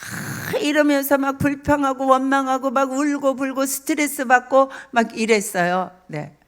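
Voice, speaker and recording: A middle-aged woman preaching a lively sermon, telling stories and acting out quoted speech, repeating phrases for emphasis. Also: high voice, a little slow.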